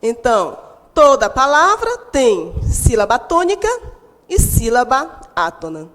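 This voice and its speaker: A woman's voice: on the high side, big pitch swings, a little slow, a bit bright, big-room sound. A woman teacher with a Brazilian Portuguese accent gives a recorded lesson to sixth graders. She speaks emphatically, stretches out stressed syllables and puts questions to the pupils at home.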